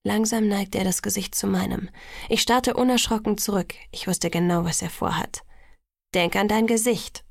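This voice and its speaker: A woman narrating a novel in the first person, calm and measured. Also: mid-range voice, creaky, dry recording, clean studio sound. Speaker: audiobook narrator.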